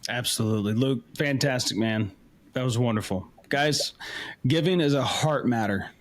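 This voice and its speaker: A man with a voice of middling pitch hosts a faith podcast and closes out the episode. He talks emphatically and in an encouraging tone. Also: moderate pace. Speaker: podcast host. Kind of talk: podcast wrap-up and exhortation.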